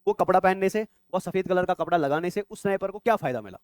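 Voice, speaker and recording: A man's voice: high-pitched, lively intonation, quick pace, no room sound. A young adult man teaching biology for exam prep, constantly quizzing his students and calling them "beta". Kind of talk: exam-prep classroom lecture.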